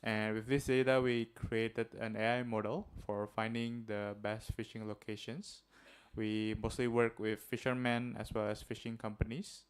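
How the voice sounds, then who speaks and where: A man's voice: fairly low pitch, level tone, normal speed, smooth. A man from Indonesia with an Indonesian accent, giving a friendly workshop presentation with many filler uhs. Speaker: guest presenter. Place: seminar room.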